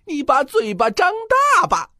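A woman's voice: high voice, sing-song, normal speed, vocal fry, pushed and bright, dry recording, studio quality, full character voice. A woman voicing a cocky, mischievous male monkey king in a children's storybook, boastful and teasing.

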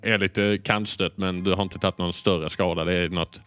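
Low-voiced man running a tabletop game. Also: clear, resonant tone. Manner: relaxed, hesitant narration with fillers. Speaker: game master.

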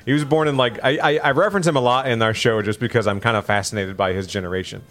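A man's voice: mid-range voice, fast talker, fairly bright tone. A man co-hosting a podcast, chatting casually and joking while coaching his friend through a video game. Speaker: podcast co-host. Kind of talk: casual gaming chat.

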